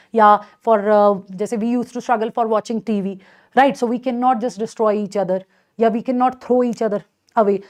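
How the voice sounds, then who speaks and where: Casting: female teacher, North Indian accent, higher-pitched voice, informal lecture delivery, emphatic and repetitive on key points. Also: a little mellow. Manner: emphatic, repeats key points, checks in with students. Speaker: biology teacher.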